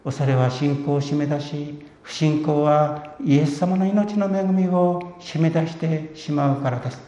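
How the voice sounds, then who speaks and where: A man preaching a sermon in an earnest, measured way. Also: on the high side, steady tone, mellow. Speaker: pastor. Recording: echoey room, dull lo-fi sound.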